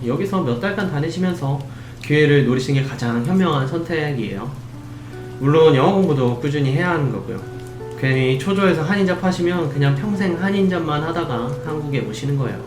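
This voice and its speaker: A man's voice: fairly high pitch, lively intonation, brisk, roomy sound, soft background music, natural voice. A man playing a blunt male job counselor. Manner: blunt, matter-of-fact advice.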